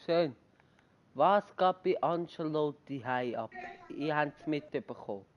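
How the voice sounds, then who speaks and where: A man's voice: a little high, expressive, slow, highs cut off. A seventeen-year-old boy with a Swiss German accent, hosting a football game livestream, joking and laughing a lot. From Switzerland. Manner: joking, laughs often, nagging his friend. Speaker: gaming channel host. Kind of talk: casual gaming livestream.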